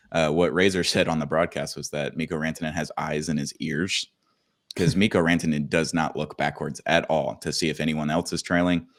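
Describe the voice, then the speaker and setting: A very low-pitched man hosts a casual sports podcast, his voice rough and hungover from the night before. He talks in a chatty, colloquial way, and the sound is close and dry. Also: no echo. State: rough, hungover morning-after voice. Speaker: podcast host.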